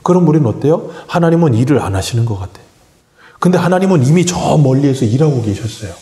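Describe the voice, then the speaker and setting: A man's voice: medium pitch, expressive, fast, mellow, echoey room. A man preaching a morning sermon as pastor, asking the congregation questions and answering them himself. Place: church sanctuary.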